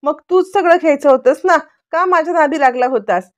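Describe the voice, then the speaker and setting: A feisty young wife who snaps back and won't give in, as a woman reads her. Her voice rides high and a bit sulky. It's a soap-serial retelling. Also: a little fast, close to an everyday voice. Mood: defiant. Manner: defiant, sulky.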